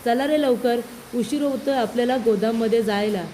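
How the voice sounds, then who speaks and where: A woman's voice: fairly high pitch, normal speed, dark tone, a little hiss or hum, natural voice, poor audio. A woman reading out the lines of an impatient, scolding middle-aged family man. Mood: irritated. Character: bossy middle-aged male household head.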